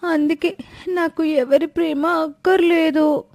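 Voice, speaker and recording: A woman voicing a frightened, lonely little girl who speaks slowly and softly. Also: extremely high pitch, fairly even intonation, creaky, no echo, clean studio sound, exaggerated voice. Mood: sad.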